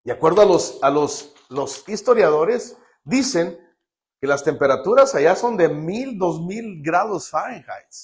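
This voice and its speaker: A man's voice: high voice, animated, a little slow. A man preaching a Bible-study sermon as pastor, emphatic and calling for answers from the congregation. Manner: call-and-response preaching, emphatic. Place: church hall. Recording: echoey church hall.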